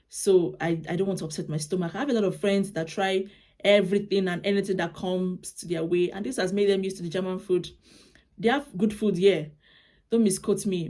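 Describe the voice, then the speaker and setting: A young Nigerian woman, a native Yoruba speaker with a Nigerian accent, shares casual advice in her vlog, chatty and often restarting her phrases. Her voice is mid-range with a darkish tone.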